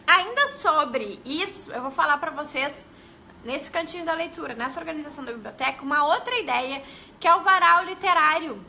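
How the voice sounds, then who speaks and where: A young Brazilian woman educator chats through a live stream in a high, bright voice. She talks casually, greets her viewers and keeps tagging her sentences with questions. Her tone is sharp and forward. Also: lively intonation, moderate pace, slight background noise. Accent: Brazilian Portuguese. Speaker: early-literacy educator.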